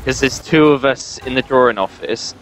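A man chatting casually with a friend while gaming, relaxed and quick to laugh, with short replies. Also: medium pitch, a little hiss or hum, low-quality recording. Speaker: fellow player.

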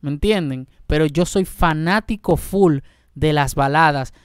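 An excitable young man talks casually to his viewers as he reacts to a video. His voice is smooth and clean, sitting at an ordinary pitch, and it is recorded dry and close with no room sound. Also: measured pace, dry recording. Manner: excitable, exclaims and addresses viewers as "mi gente".

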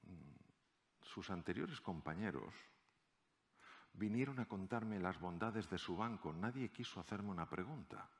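A man playing a wealthy millionaire who speaks quietly and with measured reflection. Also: deep voice, expressive. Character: calm, surprised wealthy older millionaire man.

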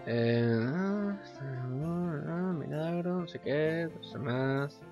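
A man's voice: on the high side, extremely slow. A man with a Spain Spanish accent commentating on a game, reading the dialogue aloud and cracking crude jokes. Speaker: let's play gamer. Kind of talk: gameplay commentary. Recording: muffled lo-fi with game music. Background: game music.

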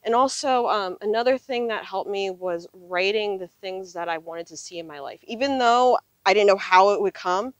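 As an interview guest, a woman in her thirties who RVs full-time shares earnest, reflective thoughts in a relaxed, conversational way on an open desert gravel lot. A clip-on lapel mic captures her medium-pitched, moderately paced speech with few pauses. The sound is lo-fi with no echo.

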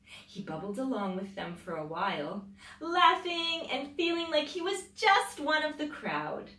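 In a small library room with a tiled floor, a middle-aged woman teacher reads a picture book to children, dramatic and emphatic, drawing out words. Her voice is high, sing-song and sharp, at a measured pace. Recorded by a camera a few metres away, it sounds distant and roomy.

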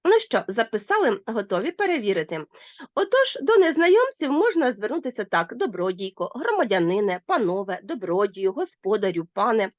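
A woman's voice: medium pitch, fairly quick, no echo, dull audio. A woman teacher giving a recorded grammar lesson, speaking directly to her pupils. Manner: animated, addresses pupils directly.

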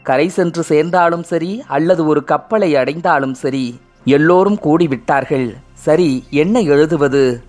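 A man narrating an audiobook novel in a measured, poetic delivery. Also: a little high, darkish tone, soft background music.

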